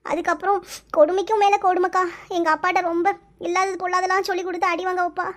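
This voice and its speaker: A woman's voice: very high voice, little pitch movement, a bit bright. A woman voicing a mistreated young village woman in her twenties in a cartoon, telling her hardships in a tearful, pleading way. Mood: sorrowful. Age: 20s. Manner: tearful, pleading, rapid storytelling. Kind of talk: cartoon voice acting.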